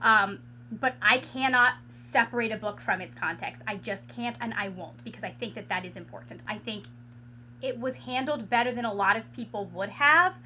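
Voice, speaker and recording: Woman book vlogger, hoarse and raspy, bright tense tone, higher-pitched, casual home chat full of fillers. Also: normal speed, a little hiss or hum. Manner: rambling, many filler likes and restarts. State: hoarse after losing her voice. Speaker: book reviewer. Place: at home with a ring light.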